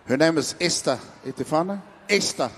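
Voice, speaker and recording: A man's voice: a little high, lively intonation, a little fast, in a large hall, slight background noise. A man with a Māori New Zealand accent hosting a live stage event, playful and informal as he calls out to the audience. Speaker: festival stage host.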